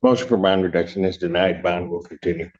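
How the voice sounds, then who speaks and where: Very deep-voiced judge on a courtroom recording. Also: male voice, a little mellow, muffled recording. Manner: brisk, matter-of-fact rulings. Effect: courtroom audio recording. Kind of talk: presiding over court hearings.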